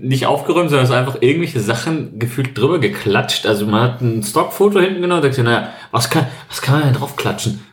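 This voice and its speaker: A man co-hosting a loose podcast chat, picking things apart with dry sarcasm. His pitch is average for a man. The recording has a noticeable room echo. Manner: sarcastic, critical. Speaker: podcast co-host. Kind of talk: casual chat. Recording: echoey room.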